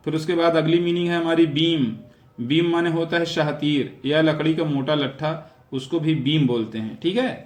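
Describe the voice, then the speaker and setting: Man teaching vocabulary in an echoey room. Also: on the high side. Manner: repeats each word and its meaning, explains pronunciation. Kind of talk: spoken vocabulary lesson.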